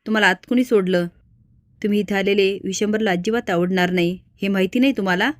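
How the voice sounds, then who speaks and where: A woman narrator voicing a scheming, sharp-tongued aunt who talks down scornfully. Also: medium pitch, fairly even intonation, fast, no room sound, natural voice. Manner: scornful, heated.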